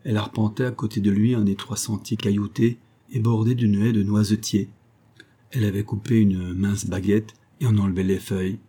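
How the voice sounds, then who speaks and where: Low husky male narrator. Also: level tone, moderate pace, dark tone. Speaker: audiobook narrator. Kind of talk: scripted narration.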